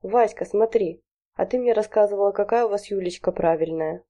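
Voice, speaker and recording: A woman voicing a bold, sharp-tongued teenage girl who mocks her friends with quick retorts, in a storybook reading. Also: medium pitch, natural voice. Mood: teasing.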